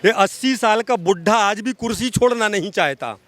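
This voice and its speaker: A man with a high, slightly bright voice, speaking at normal speed with no echo, gives a street interview as a social activist. His political opinions come out impassioned and oratorical, with phrases repeated for emphasis.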